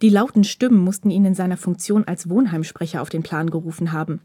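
A woman reading a story aloud in a calm, even narrating voice. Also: fairly low pitch, fast talker, breathy edge, no room sound, studio quality.

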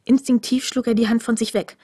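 Hushed, breathy woman narrating a story. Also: fairly high pitch, fairly even intonation, a little fast, no echo, studio quality. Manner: hushed, often sinking into a whisper. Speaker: audiobook narrator.

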